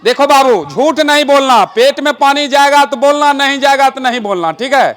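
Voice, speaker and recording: High-voiced man doing magic. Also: lively intonation, moderate pace, a bit bright. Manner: joking, directing a boy and the audience. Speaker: stage magician and rationalist speaker. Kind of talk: live magic demonstration with explanatory talk.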